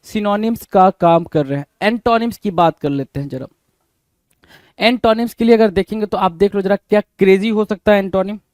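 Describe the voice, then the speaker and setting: A man's voice: sits high, moderate pace, darkish tone, no room sound. A man with an Indian accent teaching English vocabulary for exams, mixing Hindi and English and often asking the class questions. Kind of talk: exam-prep vocabulary lesson.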